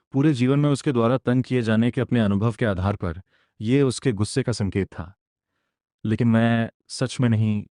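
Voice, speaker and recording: A man narrating a romance comic story in first person, with a steady storytelling delivery. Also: mid-range voice, no room sound, studio quality.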